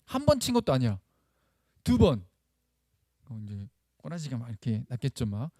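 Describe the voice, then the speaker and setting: Animated Korean pastor preaching a sermon. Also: male voice, medium pitch, normal speed, dry recording, clean studio sound. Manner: animated, acts out quoted voices, asks the congregation questions; admits using blunt speech when excited.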